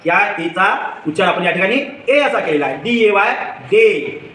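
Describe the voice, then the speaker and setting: A man giving a children's phonics lesson, slowly spelling out letters and asking the viewer questions, then answering them himself. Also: sits high, animated, bright, forceful tone. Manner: slow, patient, spells letters one by one. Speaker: teacher. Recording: echoey room, far from mic.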